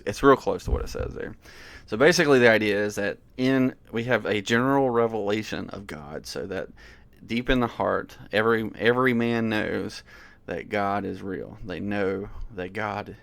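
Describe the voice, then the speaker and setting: A low-pitched man from the American South picks apart worship lyrics in casual commentary. His voice is gravelly, and he sounds amused and incredulous. The recording is dry and close. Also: a bit bright, no room sound. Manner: amused, incredulous, frequent laughs and fillers. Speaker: worship music critic.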